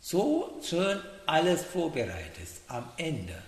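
A man giving a meditation talk in halting German, often checking in with a questioning "ja?". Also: on the high side, wildly swooping pitch. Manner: halting non-native German, frequent "ja?" checks. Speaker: meditation teacher. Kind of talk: dharma talk. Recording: echoey hall, faint noise.

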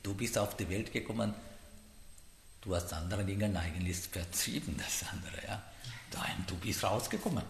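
A man giving a Buddhist dharma talk, speaking haltingly in broken grammar and checking in with the listeners often. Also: fairly low pitch, roomy sound, long reverb tail, slight background noise. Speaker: Buddhist teacher.

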